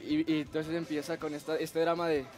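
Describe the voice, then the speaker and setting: A young actor tells stories playfully, laughing as he goes. His voice sits fairly high. Clear music plays behind him. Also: flat delivery, a little fast, darkish tone. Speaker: actor, interview guest. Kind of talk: casual TV interview chat.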